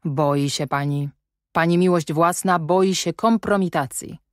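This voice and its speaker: A woman reading the lines of an ironic, commanding middle-aged English gentleman in an audiobook, in a measured, wry and probing manner. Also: lowish voice, dry recording, clean studio sound, lightly acted.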